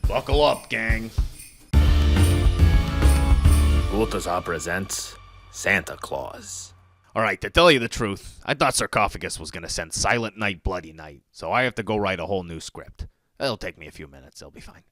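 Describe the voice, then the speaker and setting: A man's voice: deep voice, expressive, moderate pace, pushed and bright, soft background music. A man playing a jolly ghoul horror host, presenting in a campy, theatrical way with slangy, folksy address to his audience. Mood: hammy, showy.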